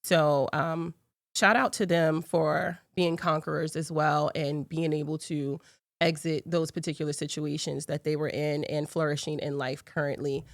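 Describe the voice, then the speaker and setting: A woman's voice: low-pitched, little pitch movement, moderate pace, dry recording, clean studio sound. Congested woman hosting a talk show. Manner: chatty, addresses viewers directly. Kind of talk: casual talk show intro.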